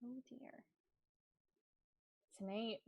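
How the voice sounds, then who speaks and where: A woman at a tabletop game, wry and playful in casual talk. Her voice sits slightly high. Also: fairly even intonation, takes it slowly, creaky, husky, muffled recording. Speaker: player. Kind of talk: casual play.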